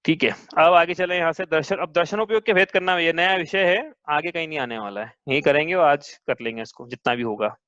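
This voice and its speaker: A man with a high voice leads a scripture class, explaining point by point and checking his students with questions. The sound is dull and lo-fi, dry with no room echo. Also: brisk, few pauses, fairly bright tone. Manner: patient, asks students questions. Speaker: teacher. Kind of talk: religious class lecture.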